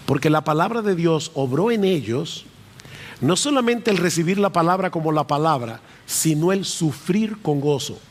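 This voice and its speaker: Middle-aged male preacher, emphatic and insistent, high voice with long hall echo. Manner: emphatic, repeats key phrases for stress. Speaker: pastor. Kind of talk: preaching a sermon. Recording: long reverb of a large hall.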